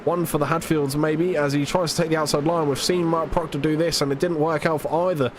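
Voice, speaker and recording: Over a noisy background, a British man gives solo commentary on a live sim race in a slightly high voice with fairly even intonation. Hay fever leaves him a bit stuffed up, and his quick play-by-play is chatty, self-deprecating, and packed with fillers.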